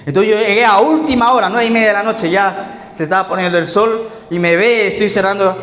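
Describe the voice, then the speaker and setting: Pastor predicando en iglesia con eco. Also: male voice, high-pitched, brisk, a bit bright. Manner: storytelling, asks the congregation questions, laughs at his own jokes. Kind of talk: sermon. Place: church hall. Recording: echoey church hall with faint music.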